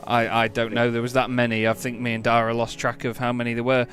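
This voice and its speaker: A man's voice: medium pitch, monotone, quick pace, fairly bright tone, faint music behind. A British man hosting a sim-racing broadcast, upbeat and cheeky, using lots of slang. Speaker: race commentator and host.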